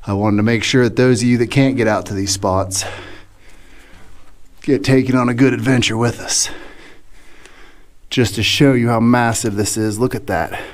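A man's voice: medium pitch, darkish tone. A middle-aged man talking casually like a cave tour guide, pointing things out and giving viewers practical tips. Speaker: vlogger guiding viewers through caves. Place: inside a large rock cave. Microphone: action camera held close.

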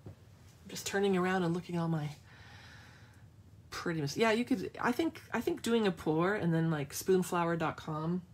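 A woman with a somewhat low, husky voice leads a live craft demo from her studio. She talks in a chatty, playful way, thinking aloud and restarting her sentences as she answers viewers' questions. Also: normal speed. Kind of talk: casual live-stream Q&A.

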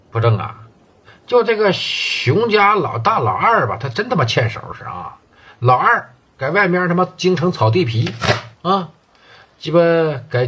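A man's voice: on the high side, a bit bright, slightly rough, exaggerated voice. A man with a Northeastern Mandarin accent voicing a contemptuous senior male gang figure who swears coarsely. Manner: sneering, coarse.

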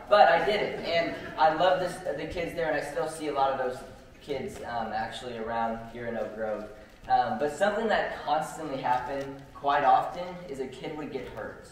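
A young man preaches in a relaxed, chatty way, filling his sentences with ums and likes as he tells stories. His voice rings through a very reverberant church hall and is picked up from some distance. A faint room hum sits behind him. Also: mid-range voice. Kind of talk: casual storytelling sermon. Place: church sanctuary.

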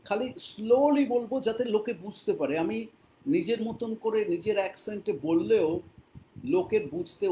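A man with a Bengali accent teaching an English lesson, repeating each phrase slowly and deliberately. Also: high-pitched, mellow, slight background noise, low-quality recording.

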